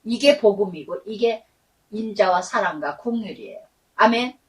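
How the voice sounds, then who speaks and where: A middle-aged woman pastor preaching a sermon, telling stories in a lively way and acting out the voices she quotes, stretching words for emphasis. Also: medium pitch, moderate pace, recorded from a distance, low-quality recording.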